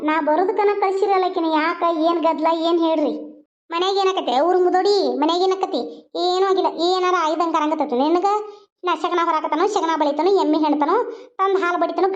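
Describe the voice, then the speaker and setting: A very high, piping old village mother-in-law who scolds and grumbles in a North Karnataka accent. She complains endlessly about being neglected. The cartoon audio is dull and lo-fi. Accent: North Karnataka Kannada. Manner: scolding, self-pitying complaints. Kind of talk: cartoon voice acting. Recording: dull lo-fi sound.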